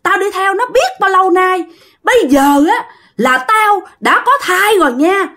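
A woman's voice: very high-pitched, expressive, a little slow, pushed and bright, voice pushed up, full character voice. A woman voicing a furious female ghost who has possessed a man, shrieking, cursing and sobbing.

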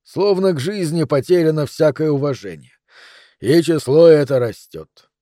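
A grave doctor, acted by a male reader, speaks slowly and deliberately. The voice is mellow and dark, and the recording is dry. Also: fairly high pitch, animated, no room sound, lightly acted. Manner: slow, measured delivery.

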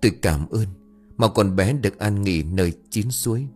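A man's voice: on the low side, normal speed, darkish tone, breathy edge, soft background music. A man voicing an older village man at a funeral, earnest and stammering as he pleads. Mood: sorrowful.

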